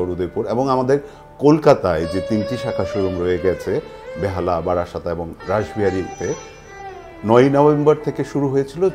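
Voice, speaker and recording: Guy with a lowish voice announcing a lucky draw, pausing a lot as he goes, music behind him. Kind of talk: event announcing, semi-scripted presentation.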